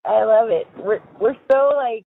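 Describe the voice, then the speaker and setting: A woman's voice: a little high, unhurried, gravelly, husky. Chatty giggly woman on a prison phone. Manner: chatty, giggly, full of fillers like "like". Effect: recorded prison phone call. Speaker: caller to an inmate. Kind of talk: casual phone chat. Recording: tinny, dry phone line.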